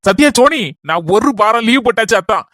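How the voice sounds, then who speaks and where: A woman's voice: fairly high pitch, lively intonation, brisk, fairly bright tone, no room sound. A woman voicing an easygoing young adult son in a cartoon, with a Kanyakumari Tamil accent, coaxing and reasoning with his mother.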